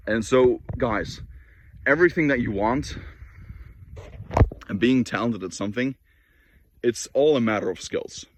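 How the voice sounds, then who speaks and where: A fitness and self-improvement vlogger whose native languages are Norwegian and Polish delivers a blunt, preachy motivational monologue to the camera, restarting often. His voice is fairly low, and the camera mic picks up a little hiss or hum.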